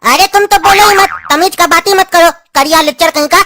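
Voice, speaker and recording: Cartoon brother-in-law, very high-pitched, ranting and insulting , voiced by a woman. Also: brisk, bright, forceful tone. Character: hotheaded younger brother-in-law, mama's boy.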